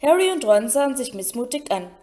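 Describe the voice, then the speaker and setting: A woman reading a children's novel aloud in a steady storytelling manner. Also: high voice, fairly quick. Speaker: audiobook reader.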